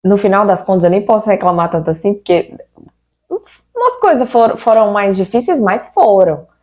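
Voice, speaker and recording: A woman's voice: mid-range voice, expressive, normal speed, a little mellow. Exasperated chatty Brazilian woman. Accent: Brazilian Portuguese. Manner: chatty and exasperated, with rhetorical questions. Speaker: vlogger. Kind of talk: casual venting to camera.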